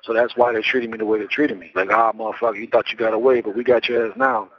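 A man's voice: lowish voice, fairly even intonation, very fast. A man talking bluntly and profanely on a jail payphone call, rambling through his words. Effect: jail payphone call, phone line. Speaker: jail inmate. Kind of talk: phone conversation. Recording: muffled lo-fi phone line.

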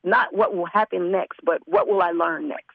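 A hoarse woman who is under the weather, speaking as a community organizer in an earnest, repetitive casual interview manner. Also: lowish voice, moderate pace, no echo, narrow, tinny audio. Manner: earnest, repeats words as she talks.

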